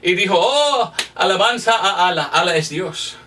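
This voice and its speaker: Animated preacher. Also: male voice, high-pitched, normal speed, recorded from a distance, a little hiss or hum. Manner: animated, acts out quoted voices. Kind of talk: sermon storytelling.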